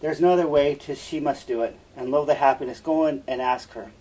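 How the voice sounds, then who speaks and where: A man's voice: medium pitch, brisk, warm tone, natural voice. A man reading the part of Cassio, an earnest young male lieutenant pleading for help, in a class reading of a play. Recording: distant mic, faint room noise.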